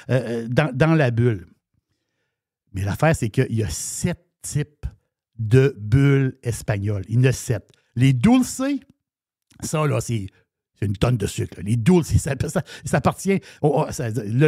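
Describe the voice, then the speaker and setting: A chatty man with a Québécois French accent, talking about wine on the radio in a slightly high voice. He restarts and repeats his words often. The studio sound is dry and close. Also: darkish tone, dry recording. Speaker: wine columnist. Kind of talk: casual radio chat.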